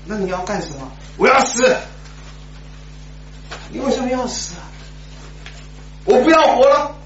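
A man voicing a crippled nine-year-old boy who pleads and wails in a high, loud, insistent voice, heard in an echoey, distant, dull recording. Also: big pitch swings, measured pace, a little hiss or hum, exaggerated voice. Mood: despairing.

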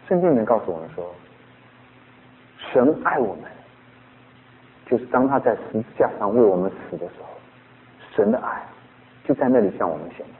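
A male pastor delivers a sermon in a high, wide-swinging voice, firing off rhetorical questions at his listeners. The sound comes through a thin, phone-like radio broadcast with a long hall reverb trailing behind him. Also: creaky. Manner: animated preaching full of rhetorical questions.

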